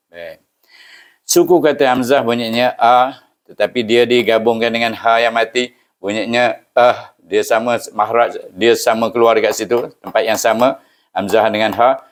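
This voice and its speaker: Patient Malaysian man teaching Quran recitation. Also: medium pitch. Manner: patient, explains syllable by syllable, slow chanted recitation. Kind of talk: step-by-step recitation lesson.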